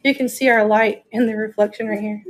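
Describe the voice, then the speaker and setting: A woman's voice: medium pitch, fairly even intonation, brisk. A woman hosting a casual live-stream auction, chatting enthusiastically and thinking aloud as she shows each item.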